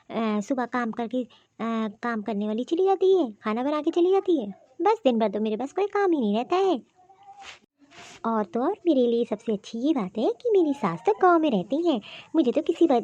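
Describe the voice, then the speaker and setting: Selfish young wife from a cartoon story, stubborn and insistent in every line, with a woman acting her out. Her voice is high-pitched but mellow in tone. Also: no room sound, dull audio.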